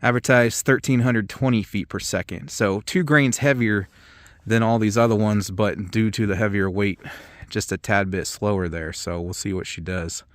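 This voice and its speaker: Low-voiced man giving casual product commentary. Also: fairly even intonation, normal speed, dry recording. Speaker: host of an ammunition test channel.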